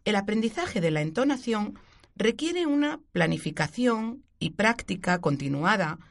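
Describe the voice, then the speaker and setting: A woman teacher, explaining a grammar point clearly and giving spoken examples on a radio show. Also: medium pitch, big pitch swings, measured pace. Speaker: Spanish language teacher.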